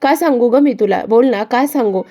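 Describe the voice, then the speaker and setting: A woman's voice: on the high side, normal speed, natural voice. A woman voicing an angry young woman who hurls accusing questions at a rival, in a TV-serial recap. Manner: accusing, sharp rhetorical questions. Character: jealous, furious young woman lashing out.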